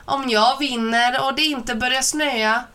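A woman's voice: high-pitched, fairly even intonation, pushed and bright. Woman putting on a sneering schoolboy bully. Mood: taunting. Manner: taunting, sneering. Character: mocking schoolboy bully with gold tooth.

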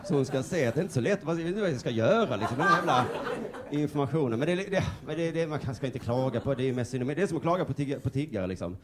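A man's voice: mid-range voice, expressive, very noisy. A young man from Sweden doing stand-up comedy, laid-back and chatty, often laughing through his lines. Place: comedy stage before a crowd. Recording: live club with loud audience.

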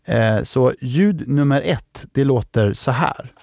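Gravelly jokey podcast man. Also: mid-range voice, animated, darkish tone. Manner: jokey, drawn-out riddle reading. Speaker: children's podcast host. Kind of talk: playful riddle-and-joke podcast chat.

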